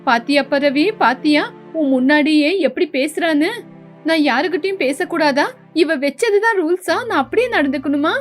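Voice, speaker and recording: A woman voicing a bossy, nagging older mother-in-law who scolds sarcastically in an animated story. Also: high voice, moderate pace, soft background music, natural voice. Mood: self-pitying. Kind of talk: storybook voice acting.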